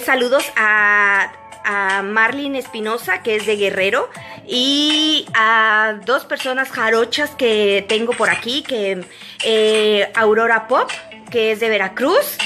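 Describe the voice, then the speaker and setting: A woman's voice: fairly high pitch, sharp tone. Chatty woman from Mexico, rambling. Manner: rambling, repeats words, frequent "este" fillers. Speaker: vlogger. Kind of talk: casual chat to viewers.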